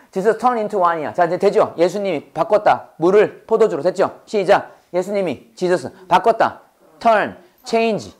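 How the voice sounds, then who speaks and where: A teacher giving a classroom lecture in Bible English, switching between Korean and English. The delivery is playful, full of puns and quick questions to the class, with key words repeated for students to echo back. The voice sits at a middle pitch. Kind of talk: classroom lecture with call-and-response drills.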